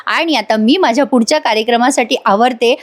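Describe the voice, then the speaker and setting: A woman with a high voice recaps a soap serial in a chatty voice-over. She talks straight to her viewers in a casual, friendly way. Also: brisk. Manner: chatty, addresses viewers directly. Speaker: serial reviewer.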